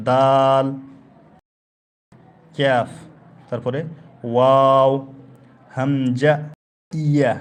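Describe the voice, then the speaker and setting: A man's voice: a little high, darkish tone. A man teaching a live online lesson on Arabic letters, explaining step by step and repeating each letter sound aloud. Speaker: Quran teacher.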